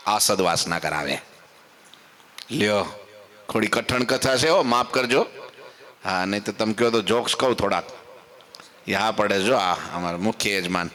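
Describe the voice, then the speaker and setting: Bright-voiced preacher. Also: male voice. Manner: animated, rises high on emphasis and acts out quotes. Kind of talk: devotional sermon storytelling.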